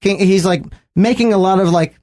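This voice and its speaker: Man, 30s, high voice, rambling podcast chat, lots of ums. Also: normal speed, darkish tone. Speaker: podcast co-host. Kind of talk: casual chat.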